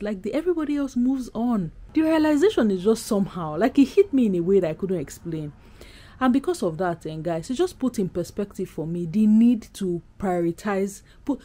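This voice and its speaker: A Nigerian woman in her thirties vlogs casually to camera, held at arm's length, with a Nigerian accent. Her mid-range voice is warm, and she talks in a candid, emphatic, conversational way.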